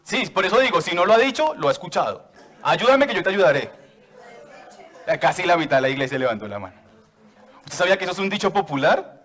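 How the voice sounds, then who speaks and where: Playful higher-voiced preacher in church. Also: male voice, sing-song, fast talker, pauses often, a bit bright. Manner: playful, joking with the congregation; asks the church for raised hands. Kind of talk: sermon to a congregation.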